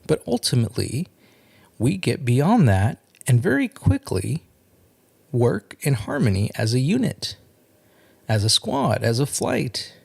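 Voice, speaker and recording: Podcast host, male, gravelly voice that rises and falls widely, earnest solo monologue. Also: medium pitch, huge pitch swings, darkish tone. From California. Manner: earnest, measured, with repeated restarts.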